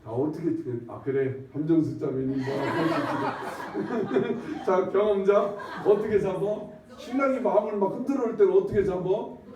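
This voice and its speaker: High-voiced pastor in an echoey church. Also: male voice, noisy background. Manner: peppers talk with questions to the congregation; folksy, repetitive, drawn-out emphasis. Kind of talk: conversational sermon. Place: church sanctuary. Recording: echoey, distant, dull lo-fi church recording.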